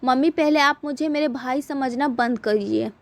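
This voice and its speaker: A woman voicing a quiet, stubborn teenage boy who is a math genius, speaking earnestly in a storybook retelling. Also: high-pitched, normal speed.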